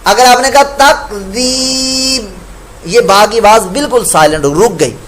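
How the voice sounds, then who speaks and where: A male Quran recitation teacher giving a patient lesson, explaining common mistakes and chanting each example slowly. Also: high-pitched, lively intonation, slight background noise.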